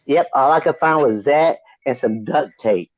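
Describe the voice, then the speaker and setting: A man's voice: mid-range voice, normal speed, no room sound, muffled recording. A man telling a wild story in a casual interview, swearing freely, laughing often, and repeating "you know what I'm saying". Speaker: band member guest.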